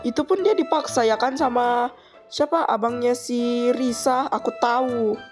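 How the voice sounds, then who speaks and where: A woman's voice: on the high side, measured pace, soft background music, pitched below the performer's own voice, natural voice. A woman voicing a nosy, pushy teenage girl classmate.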